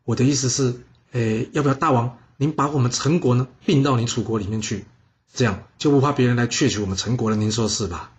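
A man's voice: mid-range voice, quick pace, lightly acted. A man voicing a scheming, wheedling ancient prince in a told story. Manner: wheedling, sly. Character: scheming, fawning ancient prince, male adult.

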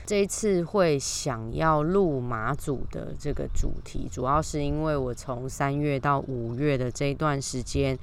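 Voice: mid-range voice, unhurried, few pauses. A podcast host with a Taiwanese Mandarin accent chats casually alone, speaking through a face mask that slightly muffles the words. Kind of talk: casual solo podcast talk. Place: outdoors in a park. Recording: outdoor recording with faint background noise. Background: faint natural ambient sound.

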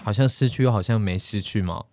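A man's voice: lowish voice, fast, a little mellow, no echo, studio quality. A young man, co-hosting a casual chat and telling stories with frequent laughs. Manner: chatty storyteller, laughs often. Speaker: podcast co-host.

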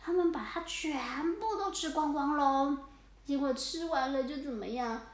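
High, animated woman storyteller. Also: normal speed, echoey room. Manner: lively and animated, with sound effects. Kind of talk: children's picture-book read-aloud.

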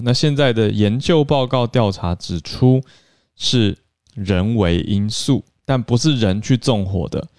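A man hosting a podcast, chatting and explaining in a relaxed, filler-rich way. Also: fairly low pitch, no room sound, clean studio sound. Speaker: podcast news host. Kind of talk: casual news and English-learning podcast talk.

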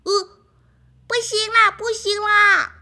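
A woman's voice: extremely high pitch, very animated, slow pace, pushed and bright, voice pushed up, heavily acted. A woman voicing a timid, anxious little duckling in a children's storybook, fretful and pleading.

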